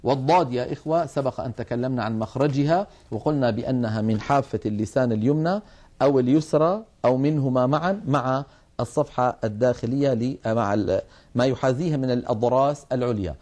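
Male tajweed teacher, warm mellow voice, patient explanatory delivery. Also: medium pitch. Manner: measured, demonstrates sounds slowly. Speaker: Quran recitation teacher. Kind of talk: explanatory lesson on letter pronunciation.

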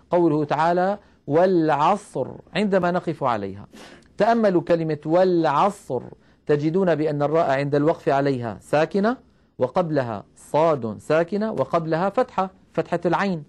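A man's voice: a little high, darkish tone. Man teaching Quran recitation rules. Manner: explains step by step, asks questions of the listeners, recites verses slowly. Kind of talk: recorded tajweed lesson.

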